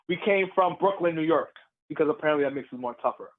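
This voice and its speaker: A man, a professional wrestler, telling stories in a casual interview, lively and laughing as he acts out the crowd's voices. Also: fairly high pitch, fairly quick, phone-quality sound. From Puerto Rican heritage.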